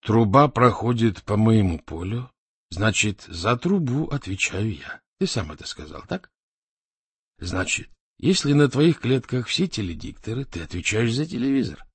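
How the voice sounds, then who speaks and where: A man's voice: on the low side, big pitch swings, moderate pace, husky, no room sound, heavily acted. A man playing a stubborn, brooding warlord. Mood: insistent.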